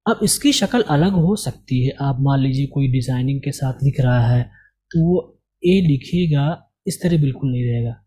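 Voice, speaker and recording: A man's voice: medium pitch, lively intonation, moderate pace, warm tone. A man teaching English letters in a patient, repetitive lesson, asking and answering his own questions. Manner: patient, repeats and asks questions to the learner. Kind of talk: slow spoken lesson.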